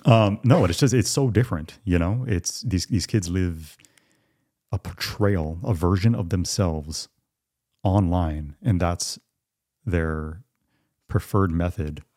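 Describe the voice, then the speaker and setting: Low-voiced man. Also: takes it slowly, darkish tone, dry recording, clean studio sound. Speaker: podcast co-host. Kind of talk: casual chat.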